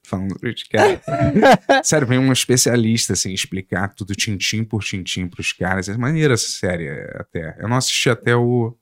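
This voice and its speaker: Um homem com sotaque brasileiro numa conversa descontraída, contando casos e deixando as frases morrerem baixinho. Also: male voice, lowish voice, wildly swooping pitch, normal speed, dry recording, studio quality. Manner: chatty, storytelling, trails off softly. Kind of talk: casual chat.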